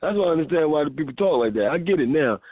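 Radio host, man, high and lively voice, dry and phone-thin, rambling talker. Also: racing, slightly rough, dry recording. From Philadelphia. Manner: rambling, animated, acts out quotes. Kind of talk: casual radio talk. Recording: tinny phone-like line.

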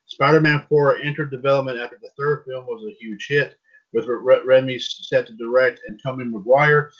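With a mid-range, fairly bright voice, a man reads headlines at normal speed in a steady tone. He hosts a casual podcast about pop culture news and stumbles over names. The recording is dull lo-fi.

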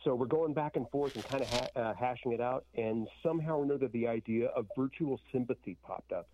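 A man's voice: medium pitch, fairly quick, dark tone, slight background noise. A man telling a story as a band guest in a casual interview, candid and acting out what people said. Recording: slightly dull, dry audio.

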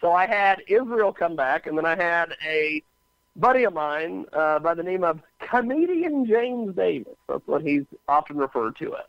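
A man's voice: a little high, expressive, normal speed, creaky, dry recording. A man who hosts a radio show, telling a story in casual chat and acting out the people he quotes. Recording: dry, slightly dull radio audio.

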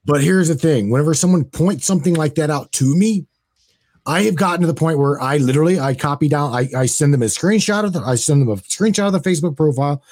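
A man's voice: on the high side, quick pace, a little mellow. A man hosting a talk show, speaking bluntly and emphatically and swearing freely. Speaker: host. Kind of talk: casual chat.

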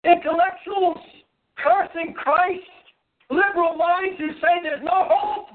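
A man preaching an impassioned sermon as a pastor, with forceful, emphatic declamation. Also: extremely high pitch, steady tone, slow. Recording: narrow, phone-like band-limited sound.

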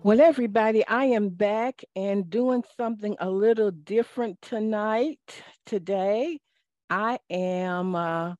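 A woman's voice: medium pitch, a little mellow, no room sound, faint music behind. A woman with a Southern accent, hosting a live call-in coaching show in a folksy, preachy manner. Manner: folksy, preachy, talks slowly. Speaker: life coach and host. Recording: dull lo-fi audio, dry.

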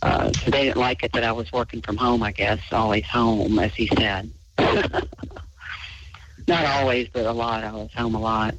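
A man's voice: on the low side, steady tone, moderate pace, heavy background noise. A man hosting a late-night call-in chat, talking in a rambling way with many restarts. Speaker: host. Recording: dull lo-fi audio.

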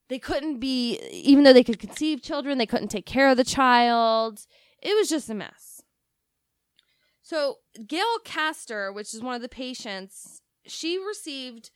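A woman's voice: a little high, clear, resonant tone, no echo. A woman co-hosting a podcast, chatting casually, laughing often and tripping over words. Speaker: podcast co-host. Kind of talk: casual chat.

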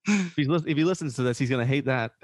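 A man hosting a casual podcast chat, excitable, swearing casually and laughing often. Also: mid-range voice, no echo. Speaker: podcast host.

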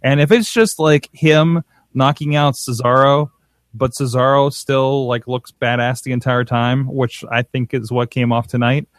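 A man co-hosting a casual chat, talking in an excitable, rambling way with many restarts. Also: medium pitch, measured pace, no echo. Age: adult with a father-in-law. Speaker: podcast co-host.

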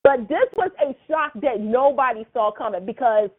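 A woman's voice: a little high, normal speed, slightly rough. A woman hosting a podcast, chatting casually through a soap opera recap, full of "like" and "you know". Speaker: podcast host. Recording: tinny phone-like sound.

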